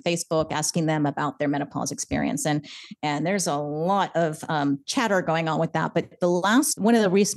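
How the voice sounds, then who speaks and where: A middle-aged woman guest chatting casually in an interview, telling stories with quick restarts and acted-out quotes. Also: low voice. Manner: animated storyteller acting out quoted voices, frequent restarts. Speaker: podcast guest.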